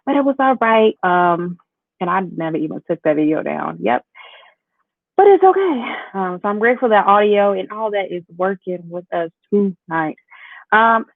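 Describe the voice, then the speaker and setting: A woman's voice: lowish voice, dry recording. An upbeat woman, chatting with viewers as she hosts a makeup livestream. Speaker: beauty livestream host. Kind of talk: casual makeup livestream chat. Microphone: AirPods. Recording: tinny phone-like livestream audio.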